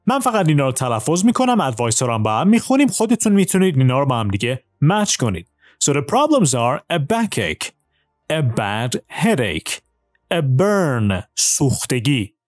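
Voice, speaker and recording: Man teaching English, lively and clear. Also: fairly high pitch, no echo, clean studio sound. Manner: fast in Persian explanations, slow and deliberate on English examples. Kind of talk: language lesson, switching between Persian and slow English.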